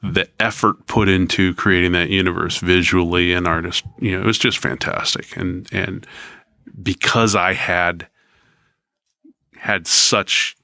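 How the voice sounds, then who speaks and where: A man's voice: sits low, fairly even intonation, unhurried, creaky, sharp tone. A man in his fifties co-hosting a podcast in casual chat, rambling and hesitant with frequent ums. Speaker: podcast co-host.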